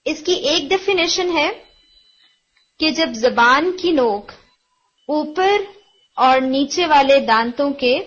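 High-voiced woman teaching letter sounds. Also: a bit bright, highs cut off. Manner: patient, repeats key points, mixes English words into Urdu. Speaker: Quran recitation teacher. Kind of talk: explanatory lesson on letter articulation.

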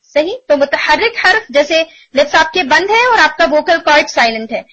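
A woman teaching tajweed to students, explaining patiently and sounding out syllables slowly as examples. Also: high voice, expressive, pushed and bright, dull audio. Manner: explanatory, asks students rhetorical checks, demonstrates syllables slowly. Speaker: Quran recitation teacher. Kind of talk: online tajweed lesson in Urdu mixed with English.

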